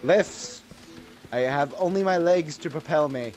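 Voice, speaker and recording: A man with a slightly stuffy voice, excitable and goofy in casual co-op game chat. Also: fairly high pitch, measured pace. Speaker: gamer.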